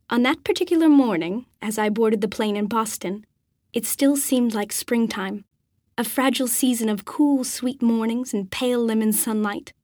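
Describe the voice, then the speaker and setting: A woman narrating an audiobook in the first person, with a measured, expressive reading. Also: fairly high pitch, no echo.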